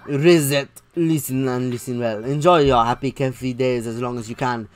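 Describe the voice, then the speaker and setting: A woman's voice: extremely low pitch, steady tone, moderate pace, darkish tone, faint music behind. A woman voicing a haughty rich young heiress in a game, using a put-on French accent and an imperious manner. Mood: grandiose. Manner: grandiose, imperious.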